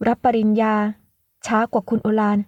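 A woman reading an audiobook and voicing a polite, gentle middle-aged mother. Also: normal speed, no room sound, dull audio, close to an everyday voice. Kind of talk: audiobook character voice.

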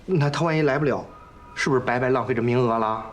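A man playing a sly, stingy team leader in a comedy sketch, talking in a lively, exaggerated, wheedling way. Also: medium pitch, fast talker, muffled recording, a little hiss or hum, lightly acted. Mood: scheming. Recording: music playing under the speech.

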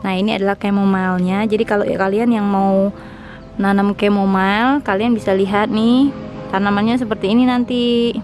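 A woman's voice: mid-range voice, steady tone, normal speed, darkish tone, faint music behind. A young woman narrating a casual tour of her rooftop garden, chatty and enthusiastic as she explains each plant. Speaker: vlogger, home gardener.

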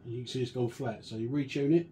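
A man casually walking through a guitar restoration and explaining each step in a relaxed, chatty way. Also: mid-range voice, fast. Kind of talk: casual workshop demonstration.

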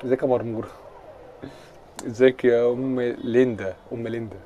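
A man's voice: mid-range voice, steady tone, fairly quick, dark tone, lo-fi sound, a little hiss or hum. A young man with an Egyptian accent chatting on a casual live stream, answering viewer comments in a joking, teasing way. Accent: Egyptian Arabic.

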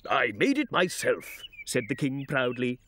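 A woman voicing a gentle, friendly creature who reads stories to small children in a sing-song way, putting on voices for the characters. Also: low voice, wildly swooping pitch, unhurried, a little hiss or hum, full character voice. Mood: storytelling. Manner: sing-song storybook reading with swooping voices. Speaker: storyteller. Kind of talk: children's television storytelling.

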